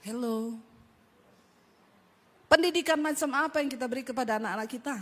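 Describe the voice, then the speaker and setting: A middle-aged woman pastor, preaching a sermon with animated storytelling. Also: high-pitched, a little fast, in a large hall. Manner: animated storytelling, acting out voices.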